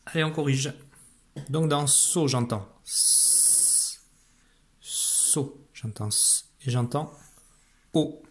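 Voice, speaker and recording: Man teaching phonics slowly. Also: a little high, a little hiss or hum. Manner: slow, careful, stretched-out pronunciation of sounds. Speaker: primary school teacher. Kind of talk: recorded phonics lesson for young children.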